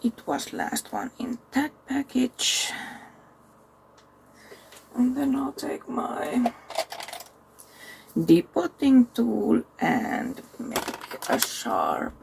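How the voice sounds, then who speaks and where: A tired woman, chatting casually through a makeup tutorial and thinking aloud with soft asides. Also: on the high side, huge pitch swings, extremely slow, vocal fry, long pauses, background noise. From Finland. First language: Finnish. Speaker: makeup vlogger.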